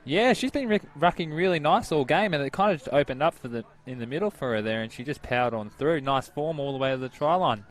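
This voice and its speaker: A man's voice: on the high side, quick pace, hardly any pauses. Nasal-voiced man doing chatty sports commentary. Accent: Australian. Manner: relaxed, chatty, laughs easily. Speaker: color commentator. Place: outdoor sports ground.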